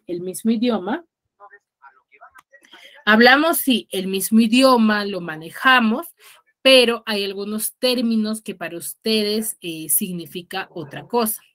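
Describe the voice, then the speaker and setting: A woman's voice: medium pitch, a bit bright. Peruvian woman teaching an online class. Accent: Peruvian Spanish, Huaraz. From Peru. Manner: explanatory, often checks with students by asking "¿cierto?" and "¿ya?". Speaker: secondary school language teacher. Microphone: video call.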